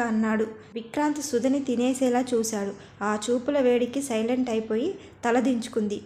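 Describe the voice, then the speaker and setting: Woman storyteller, family drama narration, fairly high voice, reads every part herself. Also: mellow. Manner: reads all characters in a lightly shifted voice.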